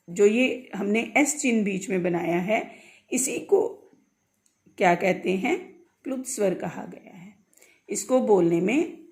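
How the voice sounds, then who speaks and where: A woman teaching a Sanskrit grammar lesson, asking the class questions and answering them herself, sounding out letters one by one. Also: fairly high pitch.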